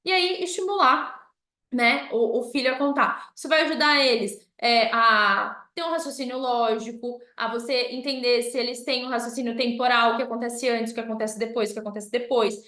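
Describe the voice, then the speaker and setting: A woman's voice: fairly high pitch, brisk, bright, forceful tone. A woman giving an informal lesson to parents, chatty and often checking in with "tá?". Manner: conversational, often ends points with "tá?". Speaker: children's educator speaking to parents. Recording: roomy echo.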